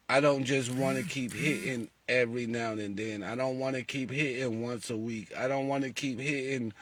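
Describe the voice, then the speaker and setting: A lottery group leader speaks casually to his followers in a medium-pitched voice, captured in a dry recording. He's animated, asks rhetorical questions and acts out callers.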